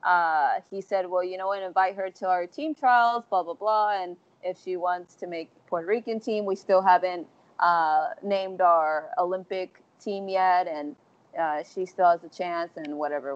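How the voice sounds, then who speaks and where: A young woman from Texas in her twenties, chatting as an interview guest over a video call, with many fillers and restarts. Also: on the low side. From Texas, USA. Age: 20s. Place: large indoor gym hall. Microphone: earphone mic on video call. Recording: dull lo-fi video call audio.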